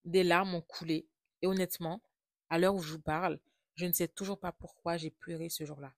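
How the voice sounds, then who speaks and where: A woman's voice: fairly low pitch, steady tone, fairly quick, no echo, studio quality. A woman from Haiti with a French accent, telling a personal travel story in a confiding, reflective way. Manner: confiding, reflective, softly spoken. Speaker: vlogger.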